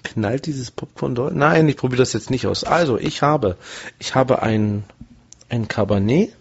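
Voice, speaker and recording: Man, voice morphing filter, gravelly and husky, dull lo-fi sound, jokey banter. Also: medium pitch, unhurried. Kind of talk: casual podcast chat.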